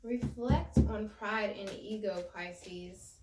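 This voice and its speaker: A woman's voice: medium pitch, slow pace, distant mic, very noisy. A woman giving a casual tarot reading to her viewers in a conversational way, often repeating and restarting her phrases. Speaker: tarot reader. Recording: echoey room, voice off-mic.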